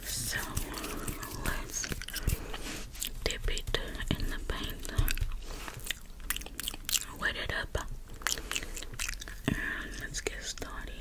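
Woman in slow, whispered role-play, tingly mouth sounds. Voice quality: breathy unvoiced whisper. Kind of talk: whispered role-play, ASMR face painting. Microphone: close-up microphone.

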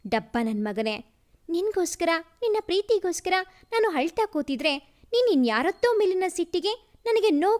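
A woman voicing a feisty young bride who scolds and teases in a high, lively voice. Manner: teasing, scolding.

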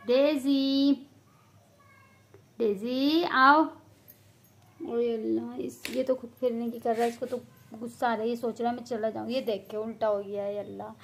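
A woman's voice: fairly high pitch, creaky, warm tone, a little hiss or hum. A woman hosting a casual pet vlog, chatting to viewers and coaxing her cats to come and eat. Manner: coaxing, calls pets by name. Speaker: cat owner and channel host.

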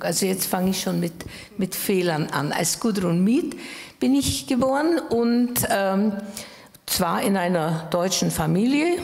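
Holding a handheld mic on a stage in a wood-panelled hall, a Bohemian woman of about eighty, from the Czech Republic, recalls her past as an interview guest. She sounds thoughtful, hesitating and correcting herself, in a mid-range, darkish voice with vocal fry. The hall gives the recording a noticeable echo.

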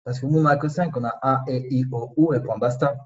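A man with a slight Spanish accent, his first language Spanish, chats as a podcast guest and muses aloud with frequent pauses. He sits a little away from the mic, and the sound is dull and muffled. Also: mid-range voice, a little mellow, distant mic. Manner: reflective, searching for words, many pauses. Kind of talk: casual conversation.

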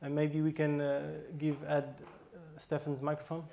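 A man with a Polish accent addresses a workshop audience from a stage microphone. His voice sits a little high for a man, and he speaks in a loose, unscripted way, pausing on fillers and restarting phrases. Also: completely flat delivery, warm tone. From Poland. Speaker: fire instructor presenting at a workshop. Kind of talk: conference talk, informal. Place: workshop hall.

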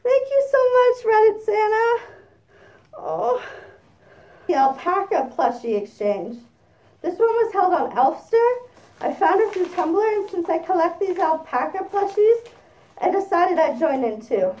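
A woman's voice: extremely high pitch, sing-song, a little slow, a little mellow, roomy sound, recorded from a distance, highs cut off. A woman chatting casually as she unboxes gifts while speaking through a costume head. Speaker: vlogger.

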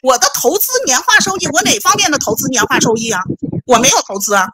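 A woman with a high voice that swings widely in pitch, talking quickly. She needles her opponent with persistent, mocking questions. A crowd is clearly audible behind her. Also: big pitch swings. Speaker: livestream debater. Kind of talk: heated online argument.

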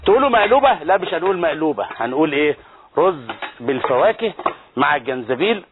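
An Egyptian man with a slightly high voice and Egyptian Arabic accent hosts a TV cooking show, running a lively cooking demonstration at a brisk pace. His intonation is lively as he exclaims over the food and banters with his crew. The broadcast audio is thin, tinny and phone-like, with faint music and a noisy background.

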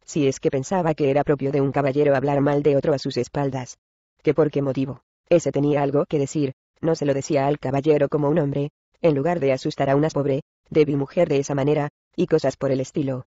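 A man narrating a classic story in Spanish, in measured storytelling style, addressing the listeners as gentlemen. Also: on the high side, level tone, no echo, lo-fi sound. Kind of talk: scripted narration.

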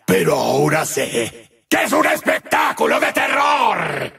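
A gleefully murderous demon clown from a video game with a Latin American Spanish accent. His voice is gravelly and raspy, set high and bright, and he swings wildly between shrill singsong taunts and deep, drawn-out growls. Faint music plays behind him. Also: huge pitch swings, some chatter behind, exaggerated voice. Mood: gleeful menace. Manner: singsong taunting, manic shouts and sudden low growls.

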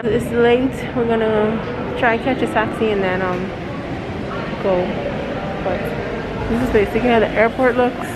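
A woman's voice: fairly high pitch, steady tone, a little slow, pauses often. A woman travel vlogger chatting casually to the camera. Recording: noisy on-the-go travel audio.

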